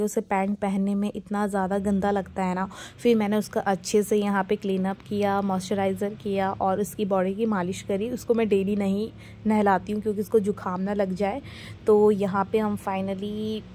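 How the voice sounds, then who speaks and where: A woman's voice: mid-range voice, a little mellow. A young woman from India, a homemaker mother, chatting casually to viewers in a voice-over about her daily routine. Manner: chatty, homely, talks straight to viewers. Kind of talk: casual voice-over vlog narration.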